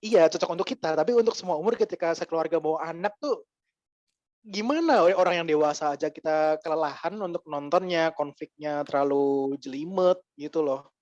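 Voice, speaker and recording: Male guest, fairly high voice, animated and ranting, dry muffled sound. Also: no room sound. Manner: animated, ranting with quick asides. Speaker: podcast guest. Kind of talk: casual chat.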